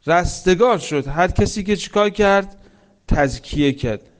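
A man preaching a sermon with stories, swinging between loud emphatic lines and soft hushed ones, reciting Quranic verses. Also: high-pitched, animated. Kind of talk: religious sermon with storytelling.

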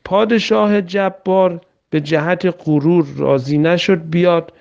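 Man, preacher, religious storytelling, conversational, slightly high voice, dull lo-fi recording. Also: fairly even intonation, gravelly, a little mellow. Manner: plain, conversational telling of a holy story.

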